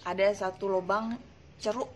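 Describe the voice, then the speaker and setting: A woman's voice: medium pitch, steady tone, normal speed, a little hiss or hum. A woman in her thirties, a hypnotherapist, answering viewers' questions in a casual live stream, chatty and laughing often while mixing in English phrases. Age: 30s.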